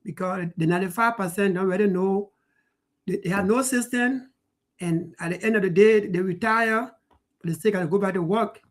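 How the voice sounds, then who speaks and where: A man in his forties answering interview questions in an earnest, measured way. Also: sits high. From Liberia. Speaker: guest financial educator.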